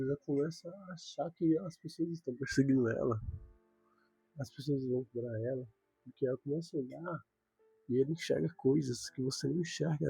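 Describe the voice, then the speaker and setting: A man's voice: on the high side, vocal fry, warm tone, slightly rough, no echo. A young man giving an earnest devotional talk, repeating words for emphasis.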